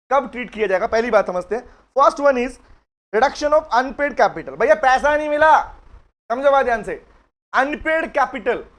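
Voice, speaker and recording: Chatty man teaching law. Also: very high voice. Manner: chatty and teasing, calls students beta. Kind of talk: live online lecture.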